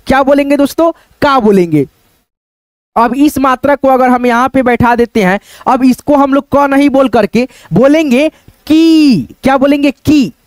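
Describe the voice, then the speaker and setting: Man teaching letters, really high smooth voice, patient and repetitive. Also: no room sound. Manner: repetitive and patient, keeps calling out to friends and asking check questions. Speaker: online Hindi teacher. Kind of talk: teaching at a board, explaining step by step.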